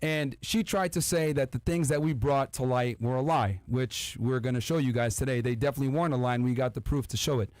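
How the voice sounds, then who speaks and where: A man's voice: mid-range voice, fast, hardly any pauses, a little mellow, no echo. A man hosting a podcast, commenting on video clips and speaking emphatically and directly to his viewers. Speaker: podcast host.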